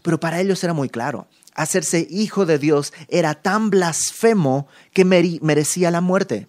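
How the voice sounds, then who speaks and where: A man leads a verse-by-verse Bible study in a fairly high voice. He talks emphatically, rising and then dropping to a hush. He checks in with his listeners through quick conversational asides. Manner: emphatic, swings between raised and hushed delivery; conversational asides and tag questions. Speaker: Bible teacher.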